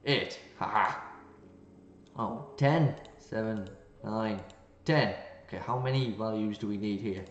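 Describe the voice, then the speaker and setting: A man's voice: on the low side, takes it slowly, a little hiss or hum. Male gaming host, playful commentary with jokey asides, roomy and a bit dull recording. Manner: playful, reads game text aloud, jokey asides. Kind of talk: let's play commentary. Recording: roomy, slightly dull, game music behind.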